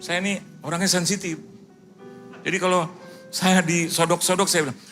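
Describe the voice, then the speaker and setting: A middle-aged Indonesian man preaching a sermon, animated, acting out dialogue in lively quoted voices. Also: sits high, moderate pace, faint music behind. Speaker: pastor. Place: church service.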